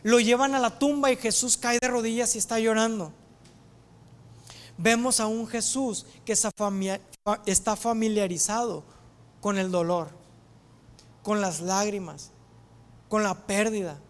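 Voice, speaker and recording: A woman preaching a sermon, retelling scripture as animated storytelling and acting out its voices. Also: mid-range voice, measured pace, pauses often.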